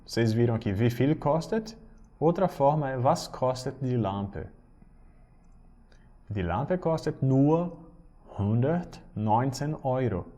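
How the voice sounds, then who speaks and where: A man's voice: mid-range voice, lively intonation, warm tone. Patient man teaching German. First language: Portuguese. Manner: explains patiently, reads German phrases slowly. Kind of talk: recorded language lesson.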